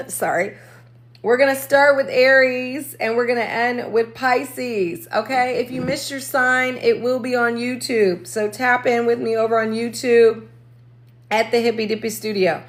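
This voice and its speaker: Casting: American woman, astrologer host, fairly high voice, chatty and jokey, voice cracking. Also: steady tone. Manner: chatty, with quick joking asides. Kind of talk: casual horoscope reading.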